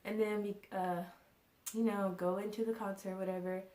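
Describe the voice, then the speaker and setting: A woman's voice: mid-range voice, level tone, normal speed, dark tone. Young woman vlogger, casual storytime, filler-heavy and laughing, room echo on the voice. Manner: chatty, many fillers, laughs often. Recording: roomy echo.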